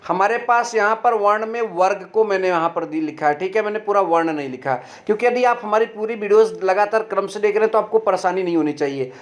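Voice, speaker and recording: High-voiced man teaching a grammar lesson. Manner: explains step by step, asks and answers his own questions; sounds out letters slowly and clearly.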